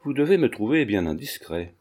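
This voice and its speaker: A man reading a jaded young gentleman who speaks with ironic, exaggerated politeness. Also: mid-range voice, sing-song, fairly quick. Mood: mock-gallant.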